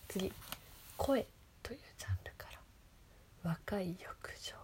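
A woman who whispers softly as she reads passages aloud and comments on them, giggling often. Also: medium pitch, very animated, takes it slowly. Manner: soft whispering, frequent giggles. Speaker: host of a reading segment.

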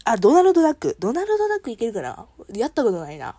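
Playful Kansai woman, lively voice. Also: fairly high pitch, rapid-fire, husky, no echo. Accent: Kansai Japanese. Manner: playful, self-mocking, chatty. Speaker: solo podcast host. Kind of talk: casual solo talk with impressions.

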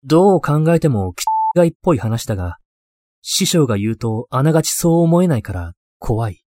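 A man's voice: mid-range voice, big pitch swings, a little fast, dark tone, no echo, studio quality. A man reading a scripted ghost story as a narrator, acting out the dialogue as he goes.

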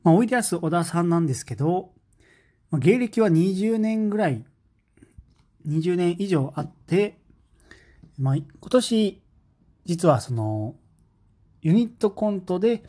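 A man's voice: sits high, animated, unhurried, pauses often, dark tone. A man talking casually on his own as a fan, rambling with many fillers and enthusiasm. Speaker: podcast host. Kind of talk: casual solo talk.

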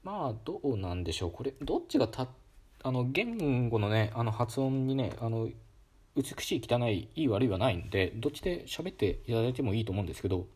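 A man giving a calm, casual educational talk on pronunciation, demonstrating sounds aloud with frequent fillers. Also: mid-range voice, fast talker, husky. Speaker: solo talk host explaining linguistics.

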